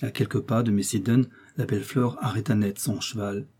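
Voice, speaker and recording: Male audiobook narrator, steady measured delivery, mellow raspy tone. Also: fairly low pitch. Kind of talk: dramatic novel narration.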